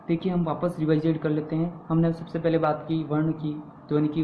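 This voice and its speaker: Male teacher, slow and deliberate, answers his own questions, repeats key terms; roomy echo, phone-thin sound. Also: on the high side, a little hiss or hum. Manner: asks the class questions and answers them himself. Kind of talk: classroom-style grammar lesson. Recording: echoey room over a tinny phone-like line.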